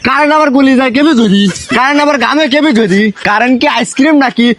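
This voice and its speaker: Man acting as a scolding villager, very high voice, mocking tone. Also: fast talker, a crowd in the background. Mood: exasperated. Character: exasperated male villager, loud and mocking. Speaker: cheated villager. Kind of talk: comic village drama acting.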